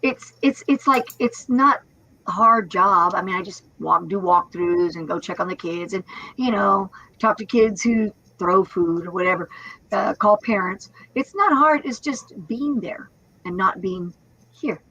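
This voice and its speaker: A woman's voice: mid-range voice, a little slow, sharp tone, husky, dry recording, low-quality recording. A woman in her fifties chatting casually as a co-host, rambling with restarts and laughs. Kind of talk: casual chat on a live stream.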